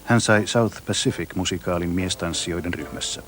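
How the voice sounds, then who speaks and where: A man narrating a documentary in an even, informative scripted read. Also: sits low, a little fast. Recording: voice-over with faint music.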